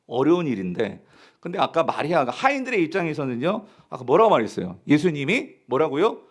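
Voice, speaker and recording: A male pastor preaching a Sunday sermon in a church, asking the congregation questions and answering them himself. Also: mid-range voice. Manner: acts out characters' quoted lines. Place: church sanctuary.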